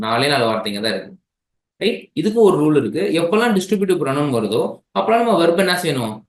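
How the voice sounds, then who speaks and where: In an exam-prep grammar lesson, a Tamil-accented man mixes languages and keeps checking in with his students by asking "right?". He speaks fast and very animatedly in a voice on the high side. The room is echoey and the audio quality poor.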